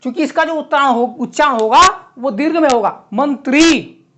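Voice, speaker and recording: A man teaching a lesson to exam students, writing on a board as he explains and repeating words slowly and clearly. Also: extremely high pitch, sharp tone.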